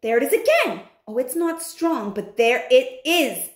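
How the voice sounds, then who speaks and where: A woman's voice: high-pitched, sing-song, unhurried, voice pushed up. A woman doing a shrieking witch. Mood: alarmed. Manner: shrieking, urgent. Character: tall shrieking female witch sniffing. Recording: echoey room.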